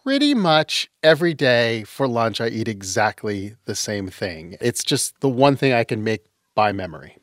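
A man chatting casually as a podcast co-host, with a dry, matter-of-fact, self-deprecating delivery. His voice sits at an ordinary middle pitch. The recording is close and dry, with no room echo. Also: big pitch swings, normal speed, hardly any pauses. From Canada, raised in Utah. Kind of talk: casual chat.

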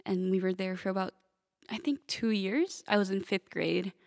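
Soft-spoken teenage girl from Italy. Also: mid-range voice, normal speed, vocal fry, no echo, clean studio sound. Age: teens. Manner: soft-spoken, hesitant, many fillers. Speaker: young pianist guest. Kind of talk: casual interview answers.

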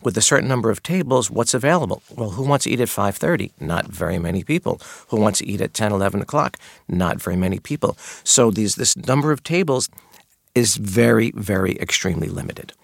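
Low-voiced former maitre d' man. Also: expressive, brisk, creaky, dry recording, studio quality. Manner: earnest storytelling, quotes guests in his retelling. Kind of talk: conversational interview answers.

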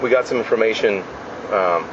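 A man's voice: fairly low pitch, normal speed. A man questioning someone as a police investigator, casual and probing, in an informal recorded interview. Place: inside a parked minivan. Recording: dull, noisy field recording in vehicle.

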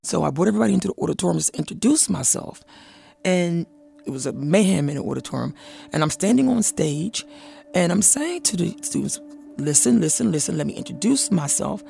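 A woman's voice: on the low side, lively intonation, brisk, gravelly, warm tone, soft background music. A woman who is a school principal from Philadelphia, telling her story in an interview with vivid retelling.

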